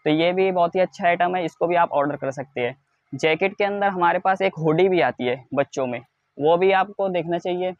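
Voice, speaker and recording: An Indian man giving a product showcase as a wholesale seller, in a repetitive, insistent sales pitch that stresses low prices. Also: fairly quick, dry recording, lo-fi sound. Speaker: wholesale clothing seller presenting stock.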